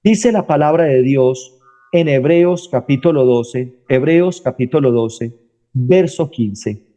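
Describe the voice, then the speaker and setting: A man's voice: medium pitch, lively intonation, slow pace, dark tone. A male pastor giving a sermon, speaking straight to his listeners and repeating his key phrases.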